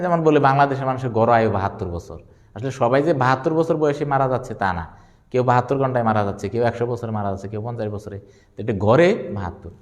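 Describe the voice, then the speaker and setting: A male physics teacher, his pitch rising and falling a lot as he lectures. He poses questions and then answers them, slowing down to repeat key terms. His voice carries a long reverb, as if recorded in an echoey room. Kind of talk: classroom lecture.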